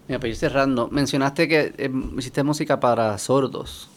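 A man's voice: medium pitch, fairly even intonation, normal speed. A man hosting a casual interview, asking curious and enthusiastic follow-up questions. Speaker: host.

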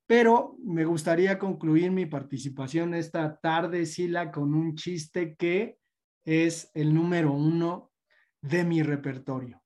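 A man's voice: a little high, takes it slowly, darkish tone. A man with a Mexican accent chatting casually and telling a long joke, hesitant and full of fillers. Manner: rambling, hesitant, many fillers.

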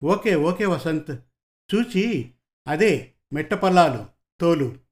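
A man reading a calm, commanding senior detective. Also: on the high side. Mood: firm. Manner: firm, emphatic, unhurried.

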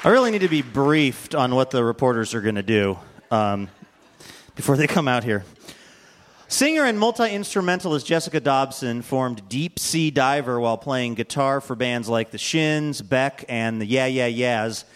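A man's voice: medium pitch, animated, normal speed, some chatter behind. Wry male radio show host. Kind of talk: live show hosting and banter.

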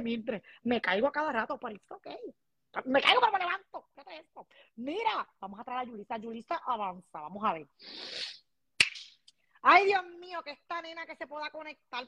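A high-voiced woman chats warmly on her phone live stream. Her husky voice sounds dry and close. She reads out and thanks her viewers one by one. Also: lively intonation, brisk, no echo, highs cut off. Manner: warm, effusive, thanks viewers by name. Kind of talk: casual live stream chat, reading comments.

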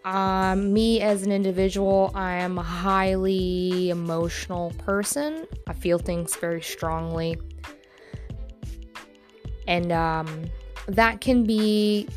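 Frank, halting woman podcaster, faint music. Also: medium pitch. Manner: frank and emphatic, swears freely, many ums and pauses; hesitant and halting. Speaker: podcast host. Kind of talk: casual solo podcast monologue.

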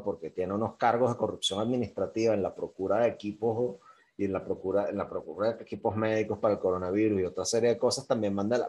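A man explaining world news in a loose, chatty way, with many fillers and restarts. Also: on the low side. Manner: loose and conversational, many fillers and self-corrections, frequent "¿ok?". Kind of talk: casual explainer talk.

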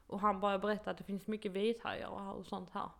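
A woman from Sweden in her twenties talks in a relaxed, chatty way. Her voice has a gravelly edge. She tells a story with lively quoted lines and laughs along as she goes. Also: mid-range voice. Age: 20s. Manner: animated storytelling, acting out quotes, laughs often. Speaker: podcast co-host telling an au pair story. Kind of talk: casual chat.

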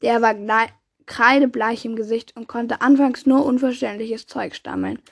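A woman's voice: a little high, normal speed, gravelly, slightly rough. German woman reading a story aloud. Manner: lively, voices the characters' quoted lines. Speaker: reader. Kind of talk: reading a children's book aloud.

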